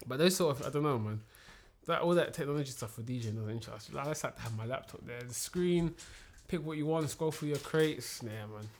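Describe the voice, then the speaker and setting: A man's voice: medium pitch, brisk. A young man with a London accent giving blunt opinions in casual, slangy podcast chat. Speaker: podcast regular.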